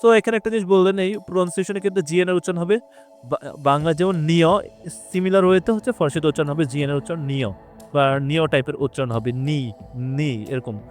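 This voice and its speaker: A man with a Bangladeshi accent, teaching a language lesson, who explains slowly and repeats each word and its meaning. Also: on the high side, faint music behind. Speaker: French teacher.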